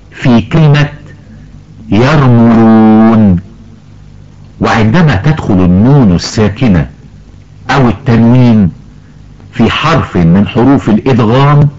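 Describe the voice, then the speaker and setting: A man playing an elderly grandfather who patiently teaches Quran recitation rules to his granddaughter, slowly drawing out example words. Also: mid-range voice, darkish tone, a little hiss or hum. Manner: slow, careful explaining, stretches out example words. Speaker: tajweed teacher. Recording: dull lo-fi recording.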